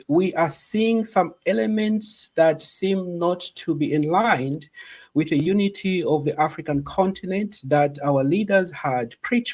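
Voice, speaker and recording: High-voiced man moderating a webinar. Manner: repeats thanks, formal introductions. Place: home. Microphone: video call.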